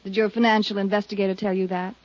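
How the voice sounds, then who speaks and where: An actress playing a guarded, defensive widow in an old radio drama, speaking in a cool, controlled way. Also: female voice, mid-range voice, little pitch movement, quick pace, a little mellow, dry recording, natural voice. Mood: defiant. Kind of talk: 1950s radio drama acting. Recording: dull lo-fi old radio broadcast.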